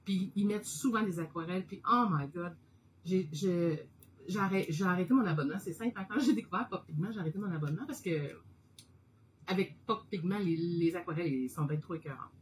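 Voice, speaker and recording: A woman with a Québécois French accent chatting excitedly to her live viewers while she sketches and tries out watercolors, laughing often. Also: on the low side, brisk, a little hiss or hum, poor audio. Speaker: host of an art live stream. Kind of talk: casual live-stream chat while painting.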